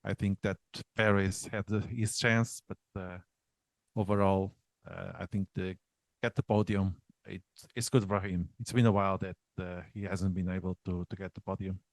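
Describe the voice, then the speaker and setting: A man on a racing review panel, speaking haltingly in casual chat with frequent uhs and ums. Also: low voice, level tone, dry recording. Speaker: panel pundit.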